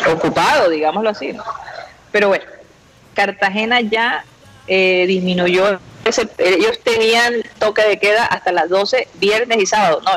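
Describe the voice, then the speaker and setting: A man with a notably high voice co-hosts a casual podcast. He talks in an easygoing, unhurried way, adding his own remarks to the conversation. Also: fairly bright tone, low-quality recording. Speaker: podcast co-host.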